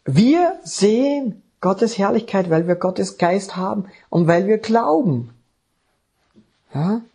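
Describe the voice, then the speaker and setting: Male preacher, husky voice with high pitch, emphatic and engaging. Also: lively intonation, slow pace, dark tone. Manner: emphatic, keeps checking in with the audience. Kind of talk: sermon.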